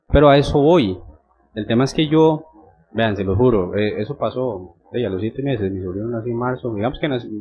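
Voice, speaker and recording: Young costa rican pastor, husky voice, chatty storytelling sermon, dull lo-fi sound. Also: male voice, mid-range voice. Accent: Costa Rican Spanish. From Costa Rica. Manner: conversational, checks in with frequent tag questions.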